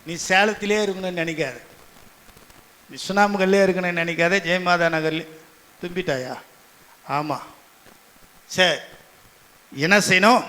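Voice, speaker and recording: A male pastor with a Tamil Nadu accent preaching a sermon, firing off rapid rhetorical questions at his congregation. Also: high voice, bright, forceful tone. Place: church hall. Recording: long church hall reverb.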